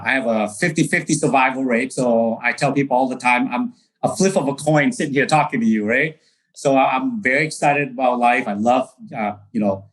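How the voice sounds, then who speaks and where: A man's voice: mid-range voice, poor audio. A man from Vietnam, a real estate broker telling his story in a casual interview, earnest, with many fillers and restarts.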